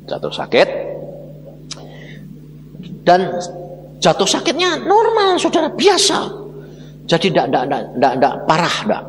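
A man with a Javanese-tinged Indonesian accent preaching a lively testimony sermon, acting out the dialogue and addressing listeners as brothers and sisters. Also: sits high, slow pace, long pauses, a little hiss or hum. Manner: animated storytelling, acts out dialogue, addresses listeners as saudara. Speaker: evangelist preacher. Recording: reverberant hall with faint ambience.

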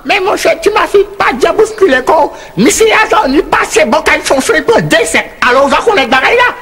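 A man voicing a fussy, bossy Martinican mother with a Martinican French accent and a high, excitable falsetto. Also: a little fast, faint music behind, exaggerated voice. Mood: scolding. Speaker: comedian in a sketch.

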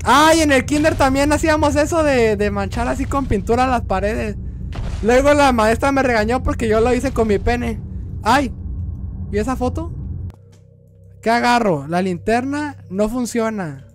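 A young man with a Mexican accent commenting on his gameplay, cracking crude jokes, talking back to game characters and yelling when startled. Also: extremely high pitch, moderate pace, a little hiss or hum. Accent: Mexican Spanish. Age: young adult. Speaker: streamer.

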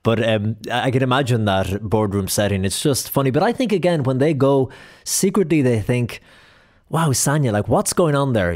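Male interview host, mid pitch, chatty, encouraging. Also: darkish tone. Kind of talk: casual interview conversation.

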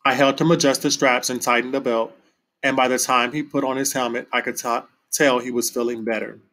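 A man reading a novel aloud in a plain, unhurried way, with small slips and restarts. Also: mid-range voice, steady tone, fairly bright tone, poor audio. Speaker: reader.

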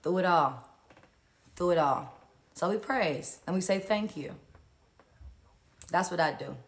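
A woman's voice: lowish voice, measured pace. A woman hosting a live-stream morning encouragement, colloquial and preacherly as she greets viewers by where they are.

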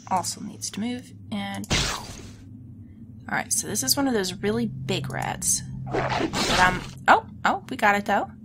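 A woman's voice: mid-range voice, measured pace, long pauses. A woman with a scratchy, sore-throat voice gives casual video game commentary as host, chattily thinking aloud as she plays. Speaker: host of a let's play series.

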